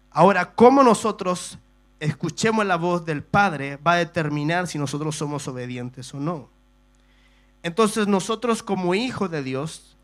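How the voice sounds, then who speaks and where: Male pastor, slightly high voice, sermon with humorous asides, faint music behind. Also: fairly bright tone. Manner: preaching with frequent "amen" and rhetorical questions. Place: church service.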